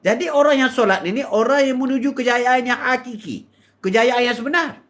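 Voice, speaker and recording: An older man with a Malaysian Malay accent giving a live religious talk, swinging between loud, high exhortation and low murmurs. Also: normal speed. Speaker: religious speaker.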